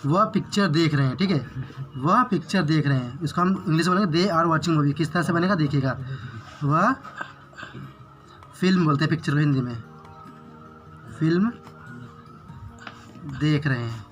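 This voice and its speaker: A man teaching basic English grammar in Hindi, explaining each example slowly and repeating "ठीक है" after each one. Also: fairly high pitch, fairly bright tone, soft background music.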